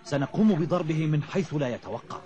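Man playing an earnest, animated heroic ship captain. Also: fairly high pitch, quick pace, natural voice. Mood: confident, commanding. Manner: earnest, commanding, formal diction. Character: brave, pious, resolute adult male ship captain hero. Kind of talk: cartoon voice acting. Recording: dull, slightly noisy old cartoon soundtrack.

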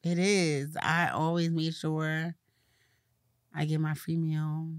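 A woman's voice: deep voice, takes it slowly, no echo, studio quality. Woman with a light lisp, casual. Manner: relaxed, conversational, fillers like "you know". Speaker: guest, publicist. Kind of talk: casual interview conversation.

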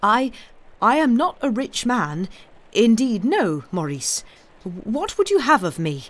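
Reader putting on a panicked old lawyer, high quavering voice, stammers, begging. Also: very animated, normal speed, a little mellow, close to an everyday voice. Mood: stammering. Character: terrified older male lawyer.

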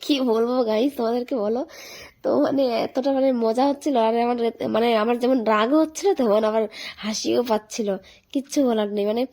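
A young woman with a hoarse, cracking voice, chatting casually and rambling as she narrates her home vlog. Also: a little high, fairly even intonation, a little fast, darkish tone. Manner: chatty, rambling, many fillers. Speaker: vlogger. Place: voice-over recorded later at home.

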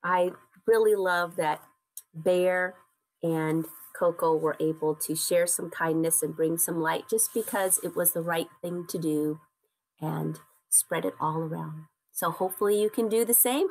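A woman teacher reading a storybook aloud to children over a video call, warm and encouraging. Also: on the low side, moderate pace, rough recording.

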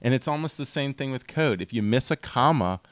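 A man in his forties hosting an interview, curious and quick to laugh. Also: medium pitch, clear, resonant tone, no echo. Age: 40s. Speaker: host. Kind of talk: casual interview chat.

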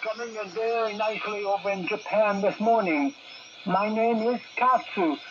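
A man's voice: sits high, normal speed. A man on a ham radio contact, heard through a shortwave receiver, spelling call signs in the phonetic alphabet. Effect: heard over a shortwave radio receiver. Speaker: amateur radio operator. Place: station near Tokyo. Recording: muffled, noisy radio signal.

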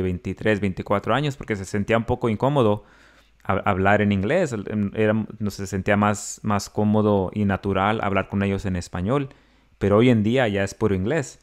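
A man's voice: on the low side, fairly even intonation, a little fast. A man in his thirties, podcast co-host, telling a story in casual chat with many restarts. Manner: storytelling, acts out quoted voices, many restarts.

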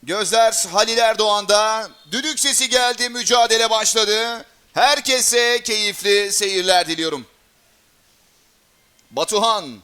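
Male football commentator. Very high, bright voice, excitable live play-by-play that breaks into screaming at big moments. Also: measured pace, smooth. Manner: shouts and screams at goals and chances.

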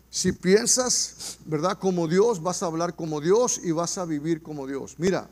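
A male pastor preaching a sermon, repeating his points and letting his voice sink low on each "mi hermano", with English fillers slipped into his Spanish. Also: darkish tone. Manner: repetitive, drops voice to a murmur on "mi hermano".

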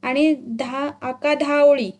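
Brief: irritable rural schoolmaster, played by a woman, loud scolding, high voice, storybook reading. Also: steady tone, slow pace. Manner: scolding, barking orders in rural dialect. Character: irritable shouting male village schoolteacher.

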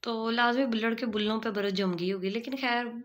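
A woman's voice: on the high side, brisk. A young woman, talking into a phone at arm's length in a small room, mocking and scolding in a sarcastic commentary vlog. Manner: sarcastic, scolding, name-calling. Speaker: vlogger.

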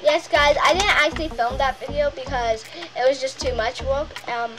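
A young girl with a high voice chats through a gaming vlog, nervous and repetitive as she plays. Game music runs clearly underneath her. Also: fairly even intonation, normal speed. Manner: chatty, nervous, repeats herself. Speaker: channel host.

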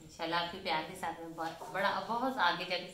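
Chatty woman vlogger, bright echoey sound. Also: lowish voice, fairly quick. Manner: chatty, says "theek hai" constantly; talks in one breath, rambling. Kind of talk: casual home vlog chat to viewers. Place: home, in and out of doors. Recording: echoey room with faint ambience.

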